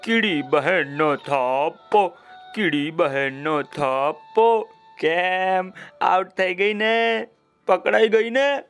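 Man doing a big gentle elephant, slow drawn-out speech, a bit lower, naive and proud, storybook. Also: fairly even intonation, vocal fry, clear, resonant tone, faint music behind, exaggerated voice. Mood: teasing. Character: big good-natured male elephant, simple and proud.

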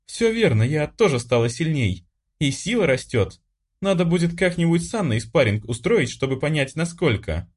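A male audiobook reader voicing a calm, matter-of-fact young woman. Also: fairly high pitch, moderate pace, breathy edge, recorded from a distance, voice pushed up.

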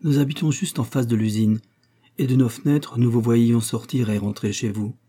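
A man's voice: medium pitch, fairly even intonation, moderate pace, dark tone, lightly acted. A man voicing a gracious, polite young French bride in an audiobook.

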